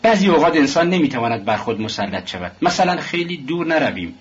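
Earnest, chatty police clerk, read by a man; husky voice, muffled audiobook sound. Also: on the high side, very animated, pitched above the performer's own voice. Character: eager male police office clerk, talkative. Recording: dull lo-fi recording.

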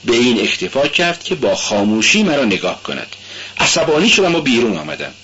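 A man reading aloud and voicing an excitable, loyal young male friend with an animated, eager, pitched-up delivery. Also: highs cut off, a little hiss or hum.

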